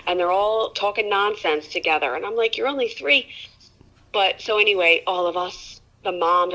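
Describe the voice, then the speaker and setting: A woman with a bright, forceful voice chats casually with a friend. She talks bluntly and drops swear words without a pause. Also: on the low side, poor audio. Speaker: mom friend listening. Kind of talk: casual phone chat.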